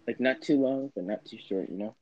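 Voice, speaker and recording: A man's voice: on the low side, a little fast, no room sound, highs cut off. A teenage guy hosting a casual video-call chat with friends, teasing and laughing often. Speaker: host.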